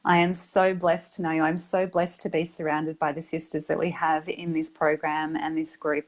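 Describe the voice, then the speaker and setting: A woman with a low voice hosts a live online interview. She speaks in a soothing, calm way and is warmly effusive in her thanks. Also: poor audio. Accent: non-American English. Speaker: host. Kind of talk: livestream interview.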